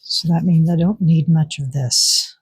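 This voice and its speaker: Unhurried woman making resin stuff, kinda husky, repeats herself for emphasis. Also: low voice, fairly even intonation, a little mellow, dry recording. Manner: chatty, repeats words for emphasis. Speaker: resin crafting vlogger. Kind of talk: casual narration while crafting.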